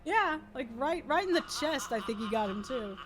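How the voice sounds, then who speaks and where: A woman chatting casually through a video game playthrough, excitable and quick to shriek or laugh at what happens on screen. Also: sits high, noisy background. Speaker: gamer playing through a game. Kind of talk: casual let's play commentary.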